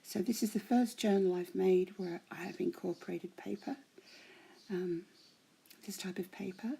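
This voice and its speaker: A middle-aged woman chatting casually about her craft journal, with a tired, croaky voice that often drops to a whisper. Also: medium pitch, dark tone. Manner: chatty, rambling, many ums, drifting into whispers. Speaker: crafting vlogger. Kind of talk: casual show-and-tell vlog.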